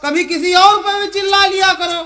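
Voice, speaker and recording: A woman's voice: very high voice, moderate pace, pushed and bright. A woman playing an easygoing middle-aged village father who drawls and grumbles in a rural film. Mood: puzzled. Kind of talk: rural Hindi film acting.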